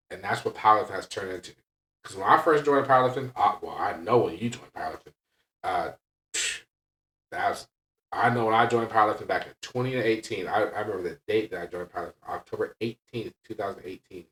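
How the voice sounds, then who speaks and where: Speaking candidly and casually like a podcast host and coach, a man with a fairly low, slightly bright voice is heard off-mic in an echoey room. He's blunt and emphatic, often checking that you agree, and the mic sits at a distance.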